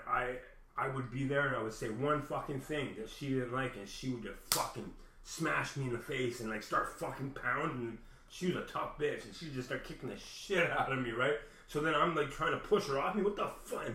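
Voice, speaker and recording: A big-voiced man rambles through a personal story, agitated, casual, and swearing heavily. His mid-range voice is pushed and bright, a little fast, and the room echoes.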